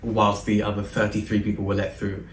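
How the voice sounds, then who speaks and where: A man's voice: on the low side, completely flat delivery, a little fast. A man, an interview guest speaking earnestly and hesitantly with frequent ums. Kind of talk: conversational interview. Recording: echoey room, distant mic, faint background noise.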